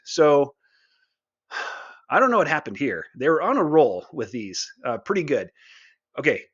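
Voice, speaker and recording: A man's voice: on the high side, a bit bright, muffled recording. Chatty man explaining game rules. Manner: chatty, with frequent "uh" and tag questions. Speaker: tabletop game content host.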